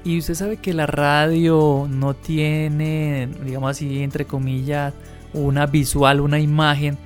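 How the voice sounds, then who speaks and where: A man hosting a radio program, asking interview questions in measured, formal phrasing. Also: a little high, level tone. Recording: muffled radio audio, faint music behind.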